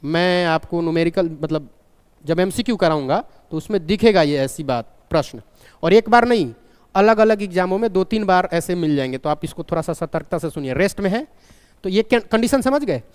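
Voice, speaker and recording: A man's voice: high-pitched, lively intonation, fairly quick, smooth. A man teaching a live physics class, terms into his talk and repeatedly quizzing his students. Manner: questioning, repeats key points. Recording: long reverb from a large room.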